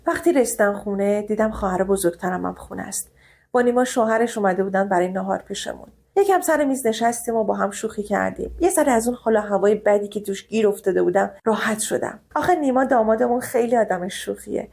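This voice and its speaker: A woman's voice: mid-range voice, gravelly, a little mellow, breathy edge. A woman narrating a first-person audio story in an emotional, intimate way.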